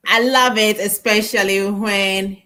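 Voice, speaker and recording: A woman's voice: mid-range voice, fairly even intonation, measured pace. A woman from Ghana hosting a live stream, chatting casually and a little emotionally over a video call. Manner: warm, emotional, rambling with laughs.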